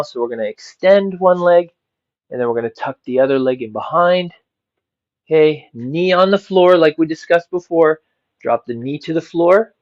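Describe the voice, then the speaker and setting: Male mobility coach, careful and unhurried, guiding stretches step by step; dry, slightly dull sound. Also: fairly high pitch, darkish tone, dry recording. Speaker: mobility coach leading a class. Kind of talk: bilingual guided stretching instruction.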